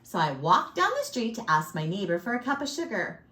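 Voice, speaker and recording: A woman's voice: mid-range voice, big pitch swings, fairly quick, pushed and bright. Woman telling as a sly, chatty wolf. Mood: sly, aggrieved. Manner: folksy, sly, theatrical sneezes. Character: chatty self-pitying male wolf storyteller. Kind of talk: storybook read-aloud. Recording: echoey room.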